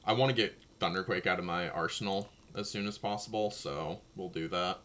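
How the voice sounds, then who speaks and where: Thinking aloud and bantering with his opponent, a man casually narrates his own card game match. His voice is low and a touch gravelly, with a brisk, fairly bright tone.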